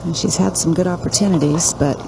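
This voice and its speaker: A woman's voice: fairly low pitch, steady tone, a little fast. A woman working as a golf commentator, giving conversational analysis of the play. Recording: clear outdoor background noise.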